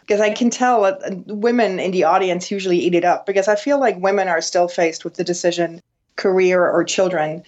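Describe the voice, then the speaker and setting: A woman, a guest on a podcast, tells her story in a reflective, relaxed way. Her voice sits a little low and comes over a dull, lo-fi line. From Switzerland. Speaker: guest, designer and entrepreneur. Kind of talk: casual interview.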